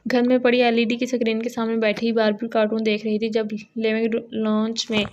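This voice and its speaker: Woman narrator for a romance audio novel, even tone, plain steady read. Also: on the high side, a little fast, muffled recording.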